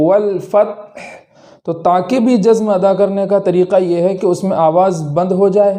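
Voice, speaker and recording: Guy giving a tajweed lesson, kinda high voice but really mellow, draws out the recited words. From India. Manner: slow drawn-out recitation of examples, explaining each letter. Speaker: Quran recitation teacher.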